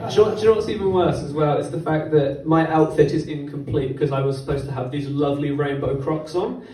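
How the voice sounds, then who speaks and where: A man's voice: on the high side, darkish tone, slight background noise. A young man doing a stand-up set in a comedy club, rambling and self-deprecating, with stumbles and restarts into a handheld microphone. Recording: roomy club sound from a distance.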